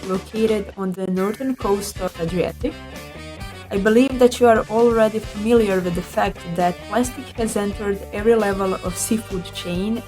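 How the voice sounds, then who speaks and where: Woman, guitar music behind. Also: mid-range voice. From Croatia. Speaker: painter and mural artist. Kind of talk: video self-introduction. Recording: video with music playing behind.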